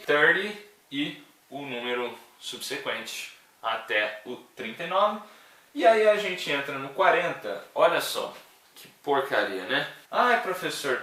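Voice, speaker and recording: A man explains English numbers in a loose, jokey classroom manner, often pausing to check that his listeners follow. His voice is bright and forceful. He sounds set back from the mic in a very echoey room. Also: on the high side, animated, recorded from a distance. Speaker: English teacher.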